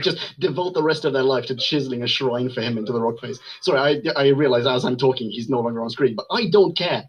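Husky-voiced, gushing man in his thirties. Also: fairly high pitch, rough recording. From Sweden. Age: 30s. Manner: enthusiastic, gushing, self-mocking. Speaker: podcast guest. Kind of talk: casual chat.

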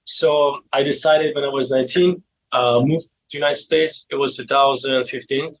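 A man in his twenties from Azerbaijan with an Azerbaijani accent, speaking halting non-native English as he tells his story casually in an interview. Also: medium pitch, fairly even intonation, a little hiss or hum, rough recording. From Baku, Azerbaijan. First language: not English. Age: 20s. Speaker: interview guest, e-commerce seller.

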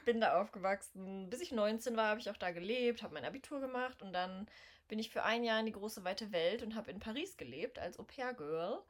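A woman in her twenties co-hosting a casual podcast, chatty and quick to laugh between remarks. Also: mid-range voice. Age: 20s. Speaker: podcast co-host. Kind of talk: casual chat.

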